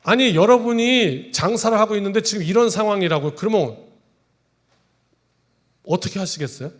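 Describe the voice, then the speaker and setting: A male pastor preaches in a church in a loose, conversational way. He jokes and pulls the congregation into role-play. His voice sits a little high for a man. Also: normal speed. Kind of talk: sermon. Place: church sanctuary.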